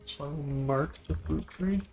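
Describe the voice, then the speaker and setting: Gravelly-voiced man musing over gameplay. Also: on the high side, a little slow, faint music behind. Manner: relaxed, musing, talks to objects in the game. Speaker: gameplay video host. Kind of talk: casual gameplay commentary.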